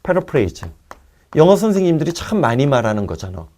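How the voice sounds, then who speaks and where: A man teaching an English vocabulary lecture, drilling word roots with quick asides to his students. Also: fairly high pitch, very animated, darkish tone. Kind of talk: recorded online lecture.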